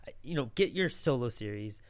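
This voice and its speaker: A man's voice: mid-range voice, animated, brisk, no room sound. A man co-hosting a podcast, chatting casually about comic characters with lots of "like" and "you know". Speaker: podcast co-host.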